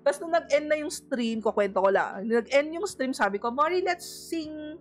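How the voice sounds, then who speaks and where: A woman's voice: on the high side, expressive, brisk, faint music behind. A Filipino woman in her thirties, a streamer and mother, chatting casually on a live stream and telling stories with lots of laughter. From Philippines. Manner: chatty storytelling, mixing in English, laughing often.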